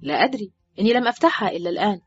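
A woman's voice: mid-range voice, expressive, racing, breathy edge, no room sound. A woman reading an audiobook voices a man, a surgeon, dry and easily irritated, curt and sardonic. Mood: defensive. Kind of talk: audiobook character voice. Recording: dull, dry recording with faint music.

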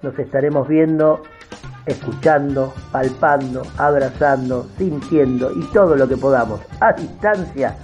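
A man's voice: medium pitch, unhurried, darkish tone, muffled recording, faint music behind. An Argentine man hosting a radio show, addressing the audience like a ringmaster as he signs off.

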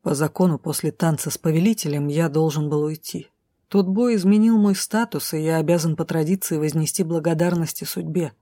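A woman voicing a tall male drow who speaks calmly and tersely in a low, quiet voice in an audiobook. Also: a little fast, dry recording, clean studio sound, lightly acted. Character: tall calm male drow, stern and tender. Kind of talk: audiobook character voice.

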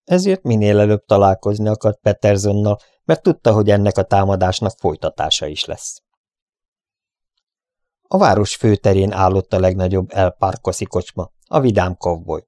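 A man reads an adventure novel aloud in an even, storytelling way. His voice sits low, and the recording is dry and close with no room sound. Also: no echo. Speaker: audiobook narrator. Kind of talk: scripted narration.

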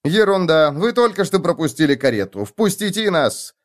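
A man's voice: a little high, expressive, moderate pace, pitched above the performer's own voice, close to an everyday voice. A man voicing a haughty young nobleman who bluffs his way past guards in a nasal, arrogant, commanding tone. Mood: indignant. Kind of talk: audiobook character voice.

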